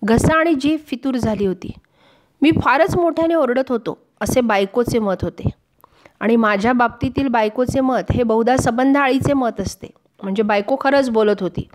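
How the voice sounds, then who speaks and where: A woman teaching a lesson in a high voice. She reads a humorous passage aloud and then stops to explain it in simple words. Her tone is that of a teacher. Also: normal speed. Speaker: Marathi teacher.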